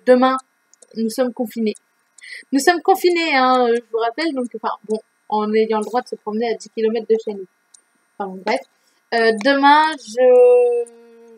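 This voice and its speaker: A woman's voice: on the high side, low-quality recording. A woman presenting her reading pile in a casual vlog, chatty and full of fillers and restarts. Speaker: book vlogger.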